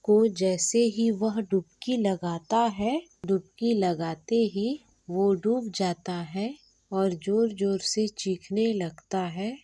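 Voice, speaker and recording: Woman storyteller, devotional folk tale, measured, very slow, dry close sound. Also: mid-range voice, warm tone, breathy edge, no echo.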